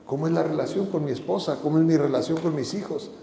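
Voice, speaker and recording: A man's voice: on the high side, quick pace, vocal fry, warm tone, reverberant, big-room sound, a little hiss or hum. A man preaching a sermon as pastor, exhorting the listeners with repeated phrases and rhetorical questions.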